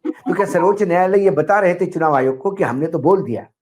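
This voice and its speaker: A middle-aged man commenting on politics in an animated way, telling stories with acted quotes. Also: sits high, fast. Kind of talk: political discussion.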